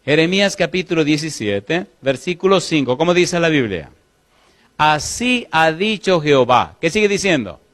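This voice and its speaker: A man preaching a sermon as pastor, asking the congregation questions and slowing to read scripture aloud. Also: fairly high pitch, very animated, a bit bright.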